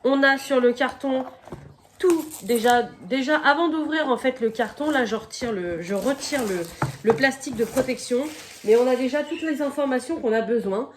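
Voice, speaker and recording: A woman chatting casually through an unboxing, her voice a little croaky from a cold, filling pauses with "donc" and "euh" and stopping now and then to cough. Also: high voice, a little hiss or hum. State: has a cold, slightly croaky voice. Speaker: crafting vlogger.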